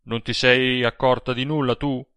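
A man reading an audiobook, voicing a burly, brooding man who speaks in a rough, tense tone. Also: mid-range voice, flat delivery, normal speed, dry recording, close to an everyday voice. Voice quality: rough, dark tone.

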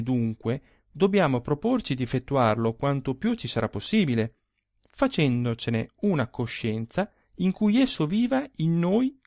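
Gravelly, animated male audiobook reader. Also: mid-range voice, no echo, studio quality. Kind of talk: expressive literary narration.

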